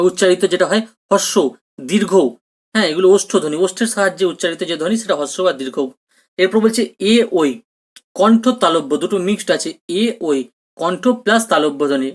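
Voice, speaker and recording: A teacher gives a recorded exam-prep grammar lesson, explaining patiently, repeating each question and often checking in with students. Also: medium pitch. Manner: mixes English terms into speech.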